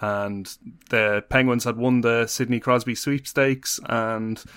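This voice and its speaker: A man's voice: mid-range voice, steady tone, takes it slowly, fairly bright tone, smooth, dry recording, clean studio sound. An Irish man hosting a podcast, chatting casually with many ums and restarts, then running through player stats. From Ireland. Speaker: podcast host. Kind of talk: casual chat and stats rundown.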